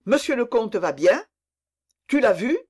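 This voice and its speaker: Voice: medium pitch, big pitch swings, unhurried. A reader voicing Raoul, a frantic young nobleman. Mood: anxious. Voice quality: urgent, breathless questioning. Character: young male nobleman, anxious and impetuous. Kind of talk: audiobook character reading.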